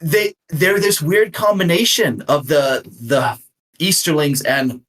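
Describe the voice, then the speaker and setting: A man's voice: fairly high pitch, takes it slowly, a bit bright. A man talking casually as a podcast guest, enthusiastic and rambling. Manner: enthusiastic, rambling hobby talk. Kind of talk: casual chat.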